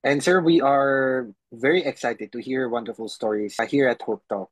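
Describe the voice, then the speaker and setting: Bright Filipino event host, slightly husky man. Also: medium pitch, fairly even intonation, normal speed, no echo. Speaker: host of an online review academy's success-story show. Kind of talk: hosted interview.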